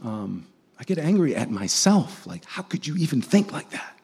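A man's voice: a little high, very animated, normal speed, vocal fry, darkish tone, slightly rough. A man preaching a conversational sermon, earnestly asking his listeners rhetorical questions and often restarting his sentences.

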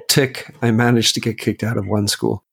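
A man's voice: medium pitch, steady tone, a little slow, gravelly, husky. A man in his fifties, a guest and author, telling his life story in a reflective interview. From Belgium. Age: 50s. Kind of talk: interview conversation.

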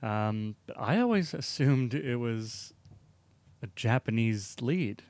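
A man's voice: mid-range voice, lively intonation, slow pace, darkish tone, dry recording. A young man co-hosting a podcast, rambling and hesitant as he chats about a movie. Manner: rambling, hesitant, many fillers and restarts. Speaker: podcast co-host. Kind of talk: casual movie review chat.

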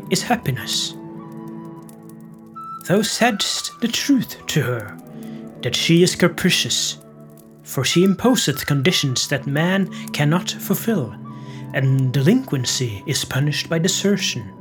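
A man voicing a frail old holy hermit who speaks gentle, solemn counsel in old-fashioned speech. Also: a little high, voice pushed up. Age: older.

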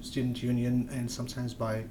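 With a mid-range, monotone voice at normal speed, a young Moroccan man speaks English in a conversational interview amid background noise. Berber (Tamazight) is his first language, and he is hesitant, restarting often and using many fillers.

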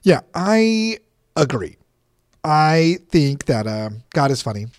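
Easygoing man with a slightly high voice. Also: big pitch swings, takes it slowly, no room sound, clean studio sound. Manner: easygoing, filler-heavy, agreeable. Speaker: podcast co-host. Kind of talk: casual chat.

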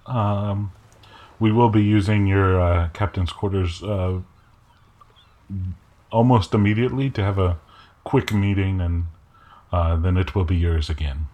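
A man voicing a polite young royal who hesitates and fills pauses. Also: low voice, steady tone, dark tone. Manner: hesitant, many fillers.

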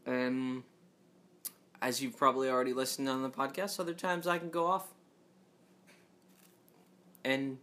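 Hosting a casual podcast on his own, a man talks a little slowly in a low, fairly monotone voice, leaving long pauses. He rambles with many restarts and fillers, joking on the side with his listeners.

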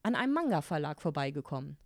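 This guest, a woman in her forties speaking German, shares spirited life stories in an informal interview and voices her own quoted thoughts theatrically. She talks fast in a low pitch, and the studio sound is clean and echo-free.

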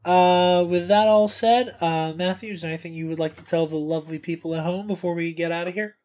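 A man's voice: high voice, steady tone, fairly quick, darkish tone. A man hosting a casual podcast, rambling with restarts and plugging merch eagerly. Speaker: podcast host. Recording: dull lo-fi podcast audio.

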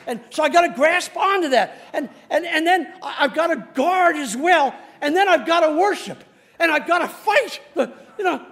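A male pastor delivers a sermon with a strikingly high voice. He preaches in an animated, emphatic way, swinging widely in pitch and laughing often as he makes his points.

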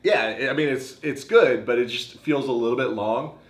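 A young man co-hosting a podcast, speaking casually in a measured, hesitant way. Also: mid-range voice, reverberant. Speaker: podcast co-host. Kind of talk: casual chat.

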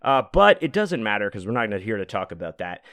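A man's voice: lowish voice, sing-song, quick pace, a bit bright, clean tone, no echo. A man hosting his own podcast, talking loosely and rambling, with lots of fillers and swearing. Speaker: podcast host. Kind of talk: casual solo podcast monologue. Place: home room.

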